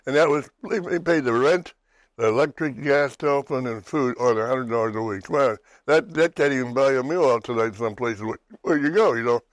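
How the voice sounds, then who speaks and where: A man's voice: medium pitch, brisk, no room sound, poor audio. Pennsylvania guy hosting a faith show, rambly, keeps restarting, dry sound. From western Pennsylvania, USA. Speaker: talk show host. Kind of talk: personal testimony chat.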